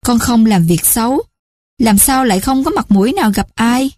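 A woman's voice: a little high, animated, normal speed, darkish tone, no echo, clean studio sound. A woman voicing a remorseful stepmother in her fifties, speaking tearfully and pleadingly in a told story. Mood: gentle.

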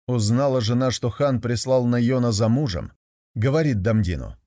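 A man narrating a folk tale in a measured storytelling manner. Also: medium pitch, lively intonation, mellow, no room sound, clean studio sound.

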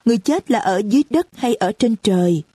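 A woman voicing a small, innocent girl in an audiobook, speaking in a high, polite, childlike way. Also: lively intonation, fast talker, warm tone, breathy edge, no echo, clean studio sound. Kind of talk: audiobook reading.

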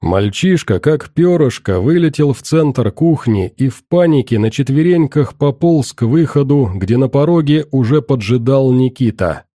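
A man narrating a story in the first person in a grim, measured way. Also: medium pitch, animated, dark tone, no room sound, studio quality. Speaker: audiobook narrator.

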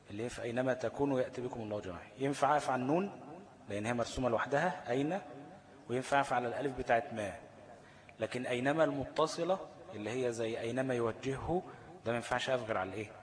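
A man with an Egyptian accent teaching Quran recitation rules. He reads definitions slowly, then explains them in colloquial speech and keeps asking his students check-in questions. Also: mid-range voice. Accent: Egyptian Arabic. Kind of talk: explanatory lesson. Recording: long hall reverb.

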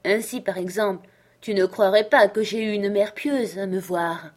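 A woman voicing Ben Gunn, a hoarse, half-mad old male castaway who talks eagerly and wheedles. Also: medium pitch, fairly even intonation, moderate pace, darkish tone, close to an everyday voice. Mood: wheedling. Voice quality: hoarse, creaky.

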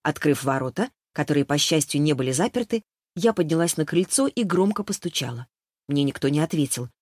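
A woman's voice: low voice, animated, fairly quick, a little mellow, husky, no room sound. Lady reading a novel aloud, first-person story, dry close sound. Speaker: audiobook narrator. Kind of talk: first-person scripted narration.

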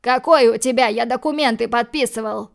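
A woman voicing a spiteful, cornered young male addict who yells and pleads in shrill outbursts, for an audiobook. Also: fairly even intonation, brisk, vocal fry. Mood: shouting.

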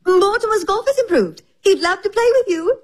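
Casting: woman playing gushing, vain British society lady, drawing room comedy, affected delivery, high voice with wildly swooping intonation. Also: expressive, normal speed. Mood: airy, prying. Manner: affected, effusive.

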